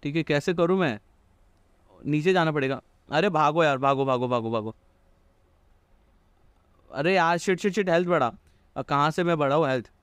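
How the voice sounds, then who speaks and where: A man's voice: a little high, moderate pace, pauses often, a bit bright, clean tone, dry recording. Chatty man commenting on gameplay. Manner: chatty, jokey, mixes English into Hindi, talks to himself while playing.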